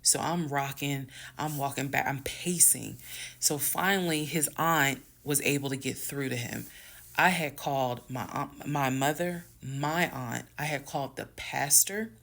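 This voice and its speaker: A woman's voice: extremely low pitch, measured pace, creaky, fairly bright tone. A woman telling a dramatic story straight to her viewers in a casual storytime. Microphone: phone.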